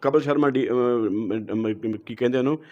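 A man's voice: medium pitch, moderate pace, warm tone. A man with a Punjabi accent, a guest giving heated interview answers, lecturing and throwing out rhetorical questions. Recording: dull lo-fi recording.

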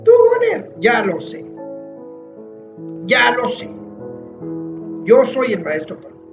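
High-voiced excitable male gamer. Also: slow pace, gravelly, lo-fi sound, over music. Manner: excitable, dramatic self-hype, mock-heroic third-person boasting; frequent exclaiming and shouting. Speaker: gamer playing a parkour map. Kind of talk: excitable gameplay commentary.

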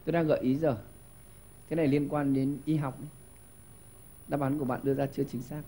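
A man hosting a TV quiz show in a studio, giving lively hints and often stumbling over repeated words. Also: medium pitch, fast, slight background noise. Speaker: game show host.

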